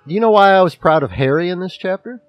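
Male podcast co-host, slight lisp, animated and rambling, very expressive pitch. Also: quick pace, dry recording, muffled recording, soft background music. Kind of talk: casual chat about a book chapter.

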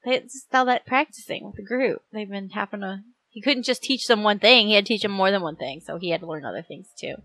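Bright-voiced woman co-hosting a podcast. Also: mid-range voice, fast talker, no echo. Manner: chatty, explains plot points plainly. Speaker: podcast co-host. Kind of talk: casual chat about a book chapter.

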